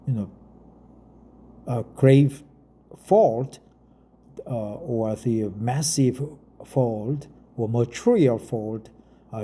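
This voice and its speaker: A middle-aged Korean man with a Korean accent talks casually and reads an article aloud in English, which is not his native language. He is halting, with frequent fillers and restarts, and his voice is medium-pitched with a dark tone.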